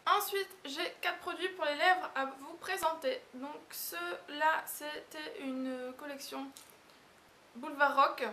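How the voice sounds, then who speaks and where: High-voiced chatty woman beauty vlogger. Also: steady tone, slow, sharp tone. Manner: chatty, rambling, hesitant. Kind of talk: casual product review. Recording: echoey room with hiss.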